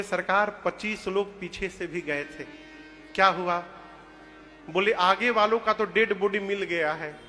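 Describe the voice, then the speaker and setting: Male katha storyteller, high and bright, folksy and comic, faint instrument behind. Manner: folksy, rustic Hindi storytelling with comic asides; rises to loud devotional chants. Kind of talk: devotional katha with humorous anecdotes.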